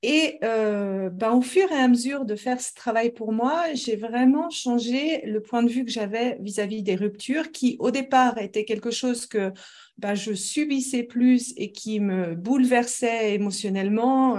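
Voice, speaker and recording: A woman's voice: fairly high pitch, measured pace, a little mellow. A woman from Lyon with a fairly neutral French accent, a guest love coach talking casually, hesitant and reflective with many fillers. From France, Lyon. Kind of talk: casual interview chat.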